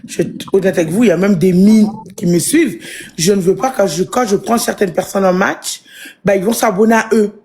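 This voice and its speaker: A woman's voice: mid-range voice, fairly quick, a little mellow. A woman streaming live who talks straight to her supporters. She thanks them, rallies them, and explains her principles in an earnest, casual way.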